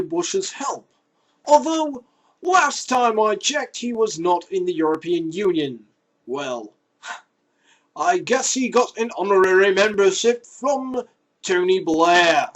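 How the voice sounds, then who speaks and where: A parody news anchor reading headlines and adding sarcastic, mock-serious, sweary commentary. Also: medium pitch.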